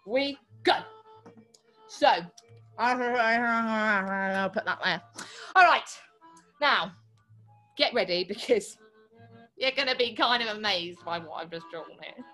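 A young woman hosts a children's show from home, clowning in a theatrical, mock-dramatic way. Her voice sits high and bright. Faint music plays quietly behind her. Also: takes it slowly, long pauses. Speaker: children's entertainer host. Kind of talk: playful kids' show presenting.

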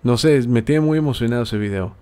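Brisk and clear, this man's mid-range voice carries a mellow, resonant tone. He's a Tijuana podcast host and video maker with a Mexican accent, handing out friendly, rambling advice on a casual show while often hesitating.

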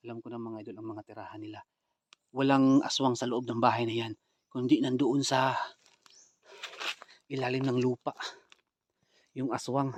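A man's voice: medium pitch, no room sound. Dramatic man narrating a ghost hunt. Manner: dramatic, swings between hushed and shouting, addresses viewers directly. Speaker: ghost hunter vlogger. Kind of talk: live ghost-hunting vlog narration. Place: outdoors near a rural hut.

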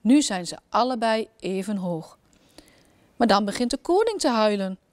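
Storyteller: woman, gentle and expressive, close dry mic. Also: mid-range voice, moderate pace, dry recording. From Netherlands. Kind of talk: children's story reading.

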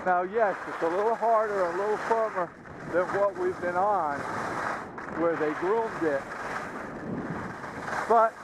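A man talks casually as he skis, a slightly high voice picked up by a helmet camera outdoors. Heavy wind noise roars over the mic the whole time. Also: a little slow, long pauses. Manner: chatty, relaxed running commentary. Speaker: skiing vlogger. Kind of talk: casual narration while skiing. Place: outdoors on a ski slope. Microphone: helmet-mounted action camera.

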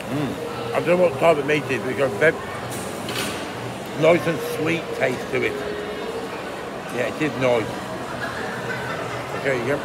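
With a medium pitch and noticeable vocal fry, a food vlogger in his fifties casually reviews food court dishes inside a glass-roofed shopping mall, chatting relaxedly and murmuring between bites. His phone is at arm's length pointing upward, and the recording is very noisy with loud mall ambience.

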